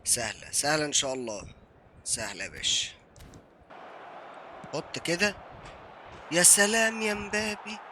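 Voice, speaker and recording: Egyptian guy streaming football game, taunting + chanting, bit high voice, lots of noise behind. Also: moderate pace, pauses often. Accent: Egyptian Arabic. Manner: excitable, taunting the opponent, rhythmic chanting. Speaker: gaming streamer. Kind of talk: live gameplay commentary.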